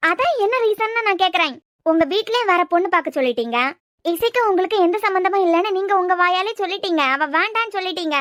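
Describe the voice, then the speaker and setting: Cartoon role: a bold young woman, voiced by a woman, very high and insistent, Kanyakumari Tamil accent. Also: lively intonation, quick pace, fairly bright tone, dry recording, studio quality. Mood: pressing. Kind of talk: cartoon web-series voice acting.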